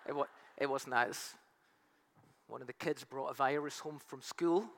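In a church hall, a pastor preaches a sermon in a gravelly, slightly bright mid-range voice at a moderate pace, his voice strained and nearly gone. He's chatty and pokes fun at himself, and the recording carries long hall reverb and faint music.

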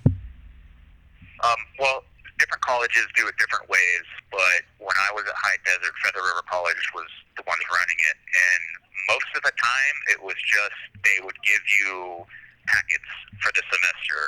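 A man calling in on a prison phone line as an incarcerated student, talking in a halting way with many ums and repeats. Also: low voice, pushed and bright. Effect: heard over a prison phone line.

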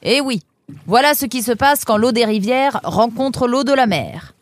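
Woman doing a loud, teasing fox boatman. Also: fairly high pitch, unhurried, pitched above the performer's own voice. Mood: brisk. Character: fox boatman, adult male, gruff but teasing.

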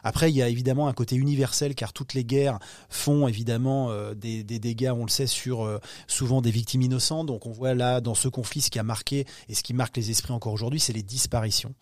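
A man's voice: medium pitch, fairly even intonation, fast talker, dry recording, clean studio sound. A man talking about upcoming films in a podcast interview, hesitant, with many fillers and restarts. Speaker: film distribution executive.

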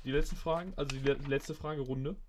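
A man's voice: fairly high pitch, fairly even intonation, fast talker, slight background noise. A man casually running a teasing word quiz and chatting in a dry way. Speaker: quiz host. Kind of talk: casual chat. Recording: call audio, hard to hear.

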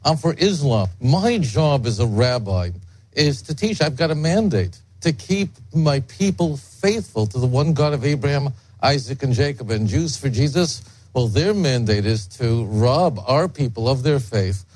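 A man's voice: medium pitch, expressive, unhurried, darkish tone, rough recording. A rabbi speaking emphatically in a recorded clip, arguing his point. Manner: emphatic, argumentative.

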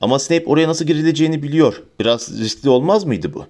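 A man voicing a clever, eager teenage girl who reasons quickly in an audiobook reading. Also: a little high, animated, a little mellow, natural voice.

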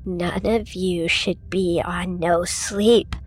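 A woman voicing a malevolent stick-figure entity that speaks in a slow, icy, hissing whisper. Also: lowish voice, steady tone, slightly rough, heavily acted. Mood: icy command.

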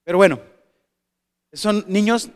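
High-voiced man giving a lively talk. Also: slow. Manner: animated, asks the audience questions, jokes aside. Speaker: speaker addressing parents. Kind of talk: motivational talk to an audience.

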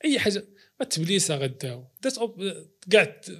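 A man's voice: high voice, sing-song, quick pace, a bit bright. A man with a Moroccan Arabic accent telling personal stories casually as an interview guest, acting out the dialogue he quotes. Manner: acts out quoted dialogue, swears oaths for emphasis. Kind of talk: casual, animated personal storytelling.

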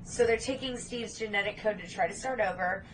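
A woman co-hosting a podcast, recapping a movie in excited casual chat, swearing freely and acting out lines. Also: medium pitch, brisk, background noise. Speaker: podcast co-host.

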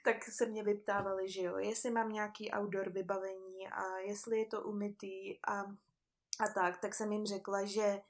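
A woman's voice: medium pitch, little pitch movement. A young woman telling a travel story in casual chat, with frequent laughs and lots of fillers. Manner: chatty, laughs often, many fillers. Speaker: guest.

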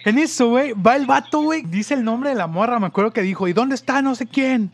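A man with a Mexican Spanish accent spins a long anecdote in relaxed chat with friends. His voice sits very high for a man, and he keeps the story rolling with slang fillers at every turn. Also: a little fast.

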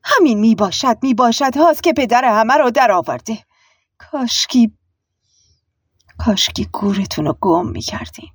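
A woman's voice: mid-range voice, few pauses, slightly rough, dry recording, studio quality. A woman voicing a stern older aunt who talks sharply and scolds. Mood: harsh.

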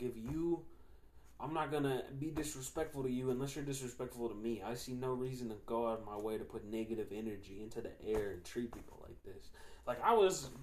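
A man's voice: medium pitch, a little mellow. Rambling young man venting casually. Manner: rambling, slangy, profane, lots of "like". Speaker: podcast host. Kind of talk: casual monologue.

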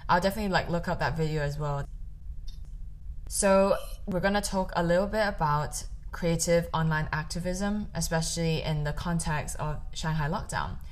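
A woman's voice: fairly low pitch, normal speed, low-quality recording. A young woman hosting a podcast, reading an introduction and interviewing a guest. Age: young adult. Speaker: podcast host.

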